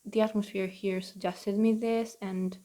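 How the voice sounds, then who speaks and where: A young woman murmurs a relaxed voice-over almost under her breath, her tone soft and mellow. She talks in an even, flat way and pauses often with little fillers as she goes. She is recording quietly in her bedroom at home. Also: medium pitch. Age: young adult. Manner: hesitant, with many fillers. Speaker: gaming channel host. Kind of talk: casual voice-over for a building video.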